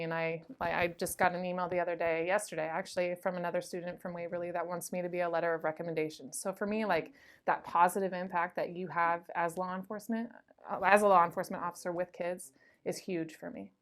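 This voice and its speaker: A woman in her late thirties, a school resource officer, telling lively anecdotes in a casual interview, with lots of "like" and "um". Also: fairly low pitch, fast. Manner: chatty, lively anecdotes with frequent "like" and "um".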